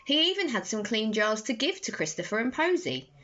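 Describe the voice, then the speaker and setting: Here a young woman performs a children's story at bedtime, drawing out her words with animated, careful delivery. Her voice is a little high. A phone at arm's length in her bedroom recorded it, leaving the sound slightly muffled.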